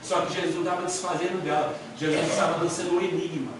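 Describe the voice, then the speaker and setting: A man preaching a sermon as a missionary, animated and storytelling, acting out voices from Bible stories. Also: fairly high pitch, fast. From Brazil. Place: church hall. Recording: echoey church hall, mic far off, audible noise.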